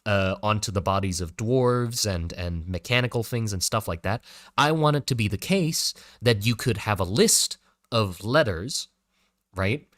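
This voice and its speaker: A man hosting a casual livestream, rambling and hesitant with many fillers and restarts, breaking into bursts of loud excitement. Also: fairly low pitch, no room sound, studio quality. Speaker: livestream host.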